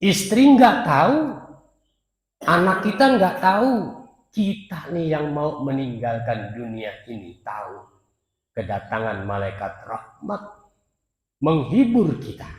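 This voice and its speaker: A man preaching a sermon at a mosque, swinging between loud calls and soft near-whispers and chanting Arabic verses, speaking directly to the congregation. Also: on the high side, lively intonation, slow pace, pauses often. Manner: addresses the congregation directly as "Pak". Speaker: preacher at a dawn mosque study. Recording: echoey mosque hall with long reverb.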